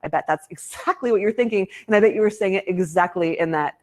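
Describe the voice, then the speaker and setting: Chatty woman host on a video call, bubbly and teasing, medium voice. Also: mid-range voice. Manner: gushing, playful, quick asides. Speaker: virtual banquet host. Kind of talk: upbeat emcee patter.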